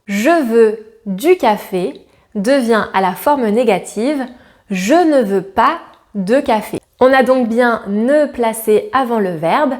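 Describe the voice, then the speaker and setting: Clear, patient woman teaching grammar. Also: fairly high pitch, lively intonation, darkish tone. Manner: clear, patient, slows down for example phrases. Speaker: French teacher. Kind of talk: scripted grammar lesson.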